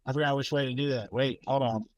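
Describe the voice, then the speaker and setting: A man ranting fast in casual, profane talk, his voice muffled and hollow as if speaking from inside a tunnel or a can over a remote call mic. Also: mid-range voice, fairly even intonation. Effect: muffled hollow mic, like talking in a tunnel or a can. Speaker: podcast co-host.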